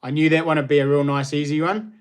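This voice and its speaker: A man's voice: a little high, level tone, fast talker, smooth. A man with a broad New Zealand accent hosting a casual livestream, chatting to viewers in an informal, slangy, matey way. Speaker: livestream host.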